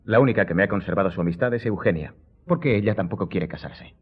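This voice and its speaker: A worldly, ironic gentleman count in a radio drama. His low voice is theatrical and courtly, and the recording is muffled and thin like a telephone line. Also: quick pace, slightly rough. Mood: emphatic, ironic. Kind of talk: Spanish radio drama acting.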